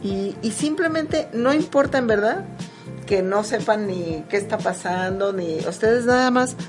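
A woman, hosting a live talk, who explains body awareness in a gentle, reflective way. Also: mid-range voice, expressive, unhurried. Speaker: host. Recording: music playing behind.

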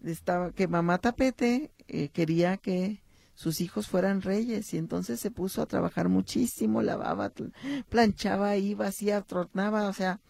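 A woman's voice: mid-range voice, fairly even intonation, moderate pace, vocal fry, no echo. A middle-aged woman with a Mexican accent, a psychologist hosting a reflective talk on motherhood, telling stories and acting out short quotes. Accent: Mexican Spanish. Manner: warm storytelling, acts out short quotes, addresses listeners.

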